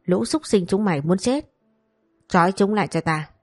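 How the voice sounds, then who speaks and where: A woman's voice: mid-range voice, moderate pace, dry recording, studio quality, soft background music, lightly acted. Woman doing a curt, commanding young master. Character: cold, commanding younger son of a rich family.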